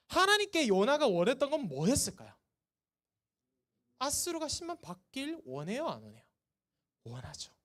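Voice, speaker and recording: Lively woman preaching to teens. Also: sits high. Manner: lively, asks the students questions and answers them. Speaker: youth group teacher. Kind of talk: sermon to teenagers. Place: church service.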